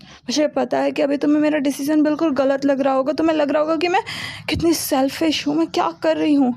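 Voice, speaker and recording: A woman voicing a gentle but firm mother who soothes her son in a soft, half-whispered voice. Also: high voice, level tone, a little fast, gravelly, dry recording. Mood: soothing, firm.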